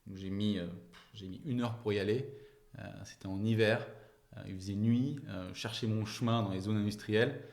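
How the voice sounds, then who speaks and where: A man in his late thirties from France and Germany, a company founder guesting on a podcast, answers casually, hesitating and repeating words as he thinks. His voice is on the low side, steady and darkish, at a moderate pace, in a roomy, echoing interview recording.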